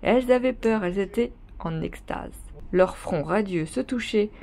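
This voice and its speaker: A woman reading a classic novel aloud in a steady, plain storybook reading. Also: mid-range voice, moderate pace. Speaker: reader.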